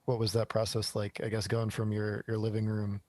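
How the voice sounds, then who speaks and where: A man's voice: lowish voice, monotone, a little fast, darkish tone, no echo. A tired male interviewer fumbling through his questions in a self-deprecating way. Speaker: podcast interviewer.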